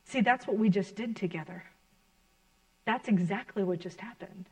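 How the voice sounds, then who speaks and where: A woman minister giving a sermon to her congregation in an earnest, reflective, gently encouraging way. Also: mid-range voice, normal speed, poor audio.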